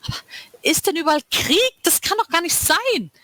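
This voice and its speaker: A woman reading aloud, voicing a furious, defiant young woman with sharp, raised outbursts. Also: sits high, very animated, fairly quick, no echo, voice pushed up, heavily acted. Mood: angry defiant. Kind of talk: dramatic reading of a novel.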